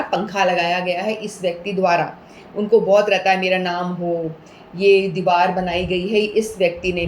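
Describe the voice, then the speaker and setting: A woman giving a patient scripture talk, mixing English words in and chanting Sanskrit verses slowly. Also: medium pitch, slight background noise, poor audio. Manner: patient, explanatory, repeats points with everyday examples; mixes English words into Hindi. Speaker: speaker explaining scripture.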